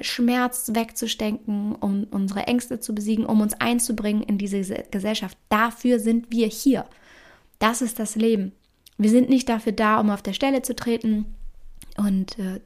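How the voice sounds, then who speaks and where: A woman hosting a motivational podcast, speaking emphatically. She drops into whispered asides and laughs easily. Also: on the high side. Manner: expressive, emphatic, with whispered asides and playful quoted inner voices. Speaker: podcast host.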